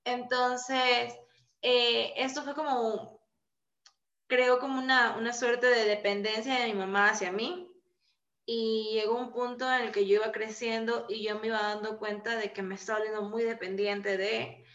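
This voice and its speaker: A woman in her twenties telling her story in a casual podcast chat over a video call, animated and full of fillers. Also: on the high side, measured pace. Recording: echoey lo-fi call audio.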